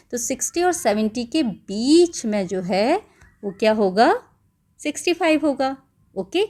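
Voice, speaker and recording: Brief: Indian woman teacher, slightly high voice, unhurried delivery, quizzes kids then answers herself. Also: darkish tone. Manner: asks the children questions and answers them herself; switches between Hindi and English, reading each line then explaining it. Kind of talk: explaining a school maths lesson.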